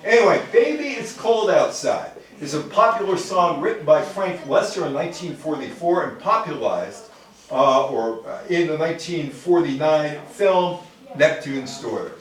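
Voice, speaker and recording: With a fairly high voice, lively intonation and normal speed, an elderly American man talks informally about music history to people gathered indoors. The mic is distant and the room echoes heavily.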